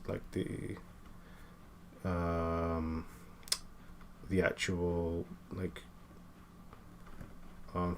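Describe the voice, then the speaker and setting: Low-voiced guy in his late 20s, rambling chat while he draws, lots of ums and restarts. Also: darkish tone, slight background noise. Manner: hesitant, many fillers and restarts. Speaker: art streamer. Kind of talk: casual chat while drawing.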